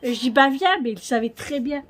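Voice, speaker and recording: A fairly high-pitched woman talks to her viewers in a loose, rambling vlog style, full of fillers and little restarts. She sounds like she is chatting while doing chores around her kitchen at home. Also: steady tone, fast, a little mellow, husky, soft background music. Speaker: vlogger. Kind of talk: casual home vlog chat.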